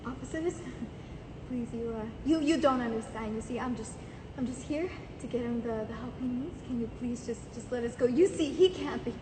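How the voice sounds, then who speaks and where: A woman's voice: on the high side, moderate pace, background noise, close to an everyday voice. A young woman performing a desperate young mother, who pleads with officers, stammering and sobbing. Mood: pleading. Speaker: student performer. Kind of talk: dramatic interpretation monologue. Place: school auditorium stage. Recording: echoey hall from far off.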